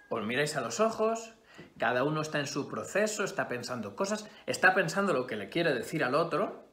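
A man from Spain teaching a theatre class, talking expressively, swinging from loud emphasis to hushed asides. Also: a little high. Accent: Spain Spanish. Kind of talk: acting class lecture. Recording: roomy echo.

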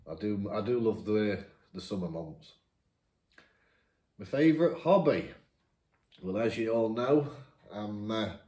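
Seated at a table in his dining room, a 51-year-old Lincolnshire man, a YouTuber, reads viewers' questions aloud and answers them in a chatty, self-mocking Q&A. His voice is on the low side with a darkish tone. The camera sits across the table, and the room echoes.

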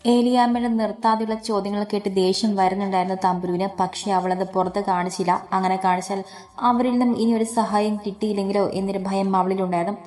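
A woman narrating a romantic story in a steady reading voice. Her tone is mellow and dark. The pitch stays flat and even. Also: fast talker.

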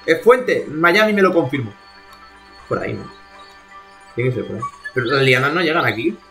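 A man's voice: medium pitch, expressive, normal speed, a bit bright, faint music behind. A man from streaming a video game live, talking to himself in exasperated bursts and swearing as he plays. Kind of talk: live gameplay commentary.

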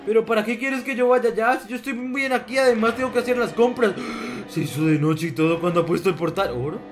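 A man hosting a game roleplay, reacting with dramatic, excitable exclamations. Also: sits high, fast. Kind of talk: Minecraft roleplay. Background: background music.

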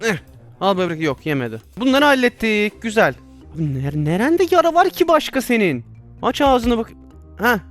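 A man's voice: sits high, sing-song, moderate pace, a bit bright, faint music behind. A man playing a virtual reality doctor game, commenting casually and exclaiming and laughing at his own mistakes. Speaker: VR gameplay streamer.

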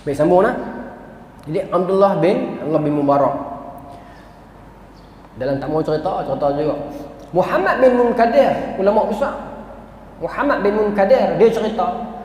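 A man's voice: sits high, moderate pace, pauses often. A man with a northern Malaysian accent giving a storytelling religious lecture, speaking straight to his audience. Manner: animated storyteller, acts out quoted voices, addresses audience directly. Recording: very echoey hall, long reverb, faint noise.

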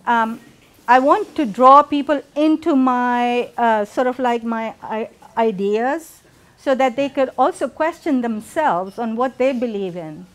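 A middle-aged woman from Pakistan, an artist giving a reflective gallery talk with many pauses and fillers, filmed from a distance in a large gallery room. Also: fairly high pitch.

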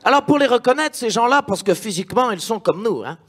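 A pompous male dictator with a put-on Belgian accent, as a comedian plays him. He declaims in a high, raised voice. The bit is stand-up comedy. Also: lively intonation, a little fast, pushed and bright, exaggerated voice. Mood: declaiming.

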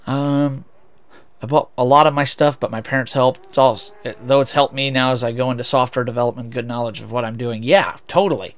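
Steady in tone and medium in pitch, a young man talks fairly quickly. The Midwestern-accented VTuber from the United States chats with his audience during a racing-game stream, wandering off topic and correcting himself.

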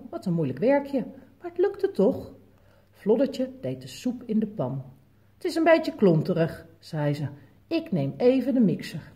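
A woman with a Dutch accent reading a picture book aloud to toddlers, telling it in a lively way. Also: mid-range voice. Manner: lively, animated storytelling with big voice changes for quotes. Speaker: children's story reader.

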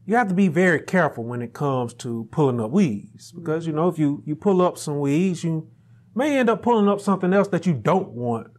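A middle-aged man preaching a sermon at a pulpit in a small chapel, building to shouted emphasis and repeating his phrases. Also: on the high side, lively intonation, a little fast. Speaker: pastor. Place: small chapel room indoors, standing at a pulpit. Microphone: lapel mic.

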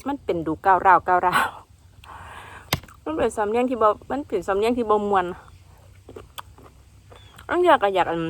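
A woman's voice: mid-range voice, fairly bright tone. A young woman with an Isan Thai accent, chatting casually while she eats outdoors in the afternoon, mixing Central Thai with Isan words. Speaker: food vlogger. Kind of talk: casual eating vlog chat.

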